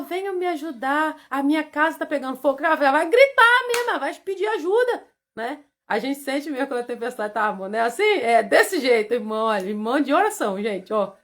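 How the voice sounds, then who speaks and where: Fervent high-voiced Brazilian woman preaching. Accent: Brazilian Portuguese. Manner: fervent, swings from hushed to loud exclaiming. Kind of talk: devotional preaching.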